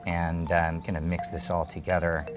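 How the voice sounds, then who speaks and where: Music plays in the background as a thirtysomething food-show host eats at an open-air stall, chatting and explaining the dishes on a lapel mic. His low voice is flat in delivery at a normal speed.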